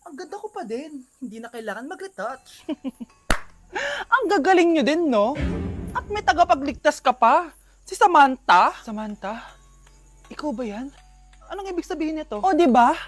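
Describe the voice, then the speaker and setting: Woman skit actor, high gossipy voice, faint music behind. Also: very animated, normal speed, pauses often. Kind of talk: comedy skit acting.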